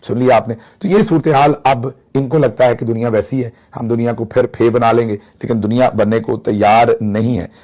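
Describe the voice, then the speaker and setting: A man's voice: medium pitch, steady tone, normal speed, hardly any pauses, dark tone. A man from Pakistan giving mocking political commentary, slipping into Punjabi phrases.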